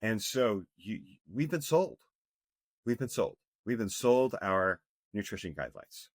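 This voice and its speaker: In a podcast interview, a health coach in his fifties speaks earnestly and emphatically as a guest, often restarting his sentences. His fairly low voice is expressive and a little slow. The recording is dry and studio quality.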